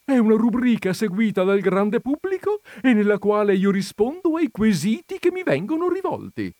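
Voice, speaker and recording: A proud, easily offended noblewoman who writes for a society magazine, her voice pitched up and swooping with outrage, as a male narrator puts her on. She talks slowly and theatrically, every reply full of wounded pride, in a dry, close recording of a comic audiobook. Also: sing-song, a little mellow, no room sound, heavily acted. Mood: indignant. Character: haughty indignant noble lady columnist, proud and touchy. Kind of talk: audiobook reading of a comic story.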